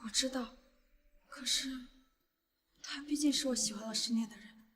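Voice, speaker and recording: A defiant, heartbroken young ex-wife. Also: female voice, high-pitched, normal speed, a bit bright, in a large hall, slight background noise. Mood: wistful. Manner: emotional, defiant. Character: heartbroken young ex-wife, proud but lovesick. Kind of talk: TV drama acting.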